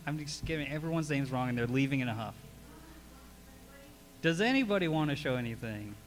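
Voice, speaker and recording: A man hosting a live meetup brings guests on stage with casual emcee banter, poking fun at himself for mispronouncing names. His mid-range voice is expressive and a little quick.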